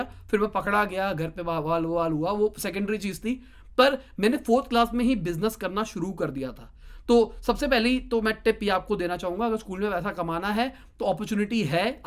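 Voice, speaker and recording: A young man, talking casually and directly to the viewer as he hands out practical money advice. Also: high-pitched. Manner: conversational, addresses viewer directly with quick asides. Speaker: digital marketing YouTuber giving advice.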